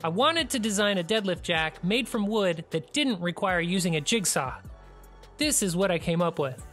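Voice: medium pitch, expressive, normal speed, fairly bright tone, soft background music. A DIY channel host giving a plain, practical, step-by-step tutorial voice-over.

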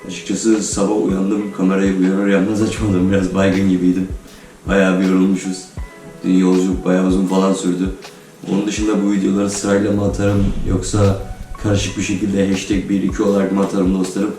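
Low, flat, slightly robotic-sounding man vlogging. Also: moderate pace. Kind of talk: casual vlog chat to viewers. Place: indoors in a holiday flat, at table and kitchen. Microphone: camera on a tripod, some distance away. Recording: roomy echo, distant mic, music underneath. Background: music.

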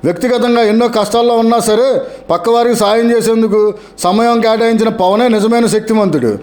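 A man's voice: extremely high pitch, fast, a little mellow. A man narrating scripted political commentary in a sarcastic, mocking tone, repeating taunts.

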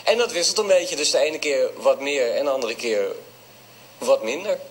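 A man's voice: mid-range voice, lively intonation, normal speed, a little hiss or hum, rough recording. A man who stutters answering radio interview questions, hesitant and reflective, with sound repetitions. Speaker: interview guest.

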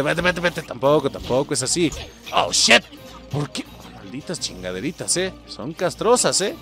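Lively Mexican man commenting on gameplay. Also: a little high. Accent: Mexican Spanish. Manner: animated, swears often, keeps addressing viewers as "muchachos". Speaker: gameplay streamer.

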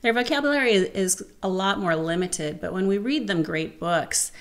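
A middle-aged woman, a guest on a panel, speaks earnestly and explains things in a casual round-table discussion. She sits at a round table in a living room, picked up by a table-mounted microphone. Her voice is medium-pitched and animated, at a moderate pace.

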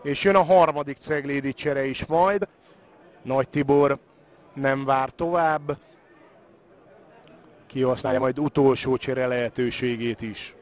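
A man's voice: mid-range voice, long pauses. A man giving live football commentary, moving between naming the play and analysing the match.

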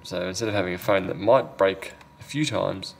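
With a low voice at normal speed, a man offers unscripted commentary while working at his indoor repair bench, sometimes muttering under his breath. He's a phone repair technician and video host, and background noise is clearly audible.

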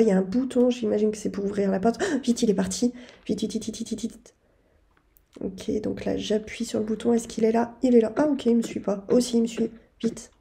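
A woman's voice: fairly high pitch, warm tone. Chatty woman narrating her gameplay. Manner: chatty, self-mocking, talks to viewers. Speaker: gaming video creator. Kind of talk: gameplay commentary.

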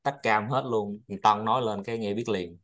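A man's voice: fairly low pitch, fairly even intonation, normal speed, fairly bright tone. A man hosting a study group, chatting casually and rambling, often repeating his words.

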